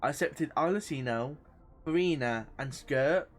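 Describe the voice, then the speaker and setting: Game music plays behind this female streamer as she rambles casually through the playthrough, swearing and now and then reading on-screen text aloud. Her voice is deep and a little slow.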